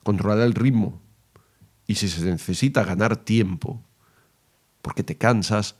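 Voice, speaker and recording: A man with a Spain Spanish accent teaching courtroom speaking, explaining in a measured way and reading examples aloud. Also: lowish voice, darkish tone, breathy edge. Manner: measured, reads quoted advice aloud.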